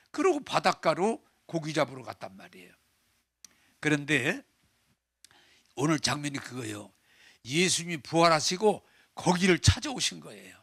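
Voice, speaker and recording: A man's voice: fairly high pitch, fairly bright tone, no echo, clean studio sound. A middle-aged male pastor preaching a sermon, telling the story with animation, acting out the dialogue and putting questions to the congregation. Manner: asks the congregation questions and leads them in repeating.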